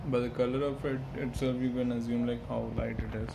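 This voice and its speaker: A man giving a casual, unscripted review in a hesitant, halting way into a handheld phone indoors. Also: mid-range voice, little pitch movement. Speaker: amateur beer reviewer. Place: small room, indoors. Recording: clearly noisy handheld phone recording.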